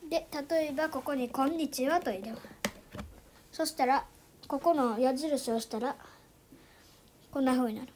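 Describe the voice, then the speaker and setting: A woman hosting her own channel, giving a casual app tutorial with lots of fillers and quiet asides. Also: sits high, normal speed, long pauses, slight background noise. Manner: chatty, many fillers, drops into soft asides. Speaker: YouTube channel host.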